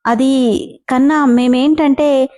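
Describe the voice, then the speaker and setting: A woman's voice: high voice, fairly even intonation, slow pace, warm tone. A woman reading a storybook voicing a guarded young mother who is curt and anxious.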